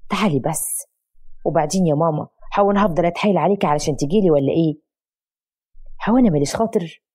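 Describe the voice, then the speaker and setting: A scheming young wife with an Egyptian accent, sharp-tongued and full of complaints, as a woman storyteller acts her out. The voice is low and a little husky, and the talk rushes along quickly. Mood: coaxing. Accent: Egyptian Arabic.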